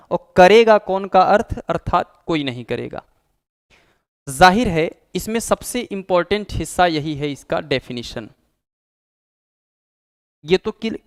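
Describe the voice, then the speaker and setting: A man's voice: on the high side, clean tone. A man teaching an exam-prep Hindi grammar lesson, explaining patiently, repeating key terms and acting out example phrases.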